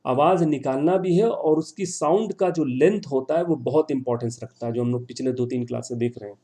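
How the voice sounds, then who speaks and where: A man's voice: medium pitch, dark tone. A male teacher giving an online class, patiently repeating words and quizzing his students.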